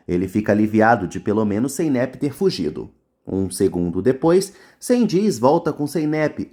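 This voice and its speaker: A man with a Brazilian Portuguese accent recapping a soap opera episode in casual narration, dropping mocking, slangy asides. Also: medium pitch.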